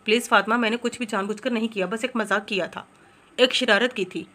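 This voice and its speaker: A woman's voice: on the high side, fairly even intonation, a little fast, pushed and bright. A woman voicing a mischievous young woman who teases and pleads. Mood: pleading. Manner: teasing, then pleading.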